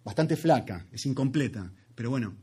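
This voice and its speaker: A man preaching a sermon, emphatic and repetitive, swinging between loud passages and quiet asides. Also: mid-range voice, animated, normal speed, slightly rough.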